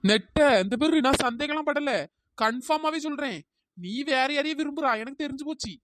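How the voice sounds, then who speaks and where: A voice actor playing a suspicious, dramatic young wife in a comic cartoon, wailing and accusing through a pitch-shifted cartoon voice. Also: brisk, background noise. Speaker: cartoon character.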